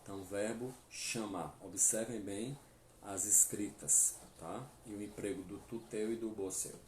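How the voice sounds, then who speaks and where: A Brazilian man with a Pernambuco accent teaches a live class, slowly drilling word forms one at a time. His voice is low and mellow. The recording sounds echoey, with a faint hum in the background. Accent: Brazilian Portuguese, Pernambuco. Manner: slow, repeats each form with "tá?". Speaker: Spanish teacher.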